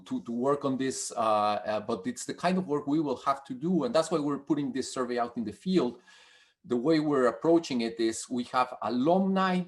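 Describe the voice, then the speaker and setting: A man speaking as a panelist in an online discussion, halting and repeating words as he grows heated. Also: mid-range voice.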